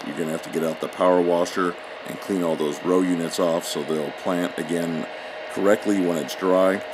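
A man giving steady, explanatory scripted voice-over narration. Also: sits low, background noise. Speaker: channel narrator.

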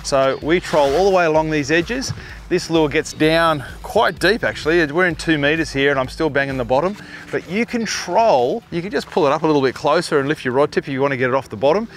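Out on a small boat on open water, a middle-aged Australian fishing show host gives casual, matey, explanatory instructions. His fairly high voice is brisk with lively intonation, and there's a little hiss or hum in the recording.

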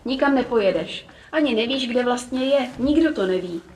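A woman's voice: a little high, animated, recorded from a distance, a little hiss or hum, natural voice, rough recording. Woman doing a stern scolding mother. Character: stern worried fairy mother.

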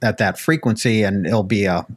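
A man's voice: fairly low pitch, normal speed. An older American man giving casual technical advice in a conversational, folksy way into a close desk microphone. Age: older, around 60s. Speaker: ham radio panelist. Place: home radio room, indoors, video call. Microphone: close desk microphone with headphones.

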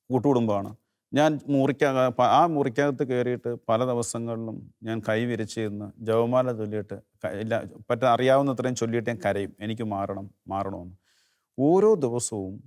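A middle-aged man from Kerala tells his story of faith to an interviewer. He speaks earnestly in a mid-range voice, often breaking off and restarting. At the most moving points his voice drops low and quiet. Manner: earnest, halting, voice drops low when moved. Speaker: interview guest giving testimony. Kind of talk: emotional personal testimony.

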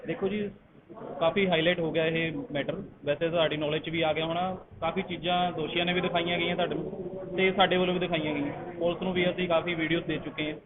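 A male advocate from Punjab explaining the case in a measured way during a street interview. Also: a little high, flat delivery, noisy background. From Punjab, India. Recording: phone-like audio with crowd behind.

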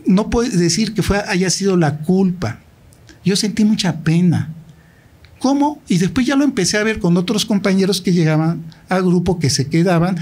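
Husky middle-aged Mexican man telling his story. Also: high-pitched, darkish tone. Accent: Mexican Spanish. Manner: candid and direct, acting out past dialogues. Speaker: invited speaker at a university. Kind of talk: personal storytelling in a public talk.

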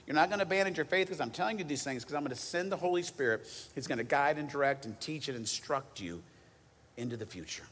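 A man preaching a sermon in a church auditorium, his bright, forceful voice trailing off in a long hall reverb. He swings from loud emphatic bursts to hushed, almost whispered lines. He keeps it casual, paraphrasing scripture in everyday talk. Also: fairly high pitch, expressive, fast, a little hiss or hum. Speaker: teaching pastor.

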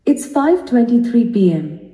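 A woman's voice: on the high side, big pitch swings, measured pace, mellow. A synthesized woman's voice with an Indian English accent, a voice assistant giving polite, scripted replies. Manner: polite, evenly scripted prompts. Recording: echoey room, played through a small speaker.

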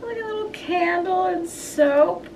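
A young woman vlogging at home, talking excitedly to her viewers in a casual, gushing way. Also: extremely high pitch, unhurried, slight background noise. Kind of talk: casual vlog chat to camera. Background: loud music playing.

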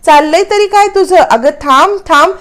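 A woman's voice: extremely high pitch, moderate pace, a bit bright, pitched above the performer's own voice. A woman voicing a flustered young husband who panics over his wife's burned hand and repeats himself. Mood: scolding.

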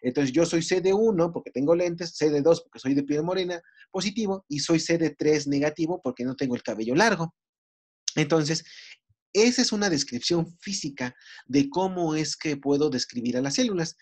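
A man's voice: on the high side, expressive, moderate pace, darkish tone. Chatty Mexican man lecturing. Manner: conversational, frequent tag questions and homely analogies. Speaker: university lecturer. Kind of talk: online lecture to medical students.

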